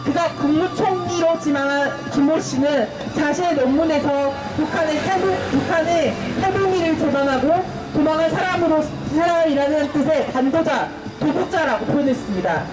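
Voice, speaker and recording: Fiery political rally orator, high-pitched and declamatory, recorded at a distance amid crowd and music. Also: moderate pace, hardly any pauses, very noisy. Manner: declamatory, rallying the crowd with rhetorical questions and chants. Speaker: protest rally speaker. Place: public protest rally. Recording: echoey loudspeaker, distant mic, crowd and music.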